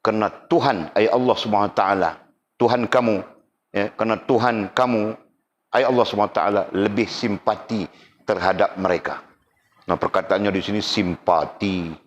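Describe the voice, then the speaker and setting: A man teaches a religious class in a relaxed lecturing voice that sits fairly low. He keeps checking whether his listeners follow and slips in teasing jokes. A faint background hum runs under his talk. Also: normal speed.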